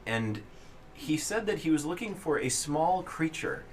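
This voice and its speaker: A man's voice: fairly high pitch, big pitch swings, measured pace. Male game master over background noise. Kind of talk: narrating a tabletop role-playing game to players.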